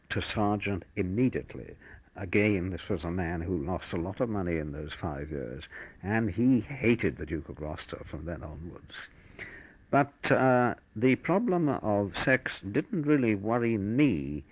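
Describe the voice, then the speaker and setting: An older man, a war veteran, telling his memories in a measured, matter-of-fact way for an oral history. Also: low-pitched, lively intonation, breathy edge, no echo.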